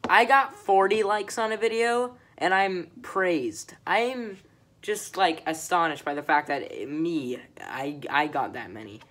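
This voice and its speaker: A woman's voice: lowish voice, slow, a bit bright. A woman giving casual reaction commentary, ranting sarcastically and saying "like" constantly. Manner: sarcastic ranting, heavy use of "like". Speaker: reaction video creator.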